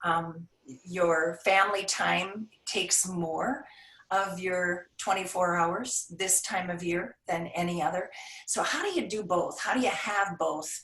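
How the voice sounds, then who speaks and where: Brief: female coach guest, measured and thoughtful, echoey room, off-mic. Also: fairly low pitch, fairly bright tone. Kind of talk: podcast interview. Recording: roomy sound, distant from mic.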